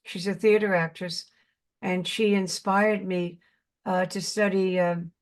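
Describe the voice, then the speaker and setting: Speaking in a lowish voice with flat delivery and a slightly slow pace, an older actress from Brooklyn, New York, appears as a guest in a casual interview. She's earnest, often repeating words as she hunts for them.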